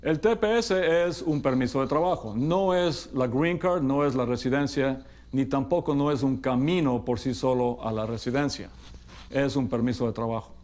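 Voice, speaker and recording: Middle-aged male immigration lawyer from Ecuador, measured explainer, slows down for key terms, mid-pitched voice. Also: darkish tone. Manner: mixes English legal terms into Spanish. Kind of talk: explainer talk to camera.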